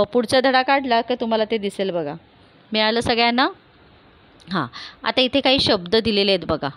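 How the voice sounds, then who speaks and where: A woman's voice: mid-range voice, fairly bright tone. A woman teacher with a Marathi accent explaining a spelling rule step by step, asking questions and then answering them herself. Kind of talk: classroom grammar lesson.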